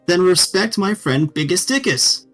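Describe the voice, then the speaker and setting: A man's voice: high voice, lively intonation, fairly bright tone, faint music behind, voice pushed up, heavily acted. A man voicing a stern female mage who threatens the players to respect her friend. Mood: menacing. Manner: menacing, halting threats.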